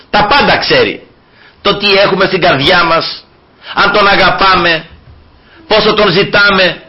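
A man preaching a sermon, retelling scripture with lively storytelling and often calling the listeners brothers. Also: fairly high pitch, husky. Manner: animated storytelling, acting out voices, addresses listeners as brothers. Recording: dull lo-fi recording.

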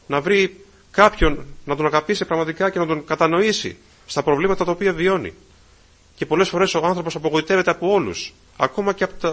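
A man preaching a sermon to his congregation, calling them brothers again and again and swelling louder on key phrases. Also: a little high, husky.

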